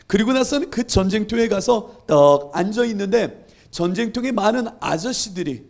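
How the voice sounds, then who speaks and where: Brief: male pastor, high and gravelly, lively sermon with rhetorical questions. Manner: asks the congregation rhetorical questions; acts out Bible scenes.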